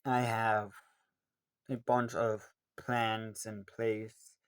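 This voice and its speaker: A young man in his late teens answering viewer questions in a casual, rambling way, with many pauses and ums. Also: fairly low pitch, little pitch movement, smooth. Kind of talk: casual Q&A monologue.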